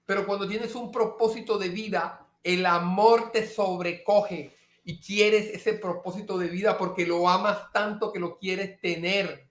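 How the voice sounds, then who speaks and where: A man preaching a sermon slowly and emphatically, repeating key phrases. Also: sits high, fairly even intonation, a bit bright, reverberant.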